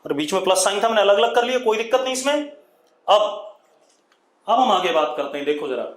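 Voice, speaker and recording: A man with an Indian accent teaching physics in an online class, strict and scolding, dictating terms slowly. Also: high voice, very animated, echoey room. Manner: strict, scolding, addresses students as 'beta'; slow dictation of terms, drawn out.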